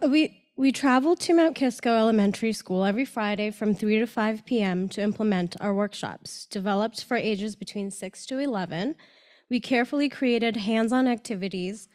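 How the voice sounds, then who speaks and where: A woman's voice: medium pitch, a little mellow. A young woman from Nepal giving a student presentation on stage, earnest and a little hesitant. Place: auditorium stage.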